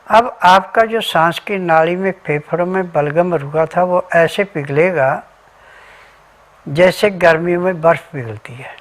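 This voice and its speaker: A man with a slightly high voice speaks at a measured pace, giving an instructional health talk as a remedy advisor. He methodically lists ingredients and diet rules step by step.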